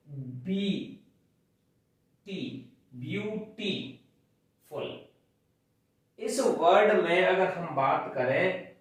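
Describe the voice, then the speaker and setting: A man teaching English grammar, explaining rules step by step and counting syllables aloud, recorded far from the mic. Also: sits high. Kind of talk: classroom grammar lesson. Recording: very echoey room, voice far from the mic.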